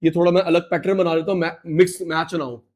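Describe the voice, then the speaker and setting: High-voiced, animated male teacher. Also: fast. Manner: animated, coaxing, repeats key words to the class. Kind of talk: live online class lecture.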